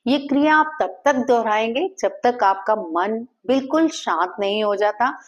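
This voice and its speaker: A woman teaching Reiki, guiding listeners through breathing and a meditation in a calm, steady way, with repeated chanted words. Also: on the high side, measured pace, muffled recording. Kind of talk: guided meditation instruction.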